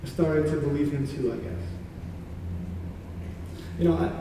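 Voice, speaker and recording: A remorseful condemned criminal, played by a man in a church monologue, speaking earnestly in halting phrases with repeated words. His voice sits high for a man. It rings through a large reverberant hall, picked up from far away. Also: vocal fry, warm tone, slight background noise. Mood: awed confession.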